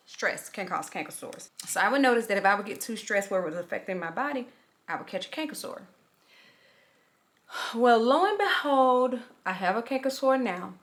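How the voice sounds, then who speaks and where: A woman's voice: medium pitch, fairly bright tone. A middle-aged woman chatting casually in a get-ready-with-me vlog, rambling and repeating herself, talking with a swollen lip. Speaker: vlogger.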